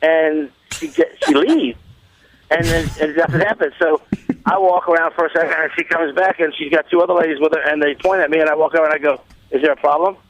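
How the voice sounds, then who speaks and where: On talk radio, a male show guest tells a casual comic anecdote, rambling along and acting out the quoted dialogue as he goes. His voice is a little high and fairly quick, and the audio quality is poor.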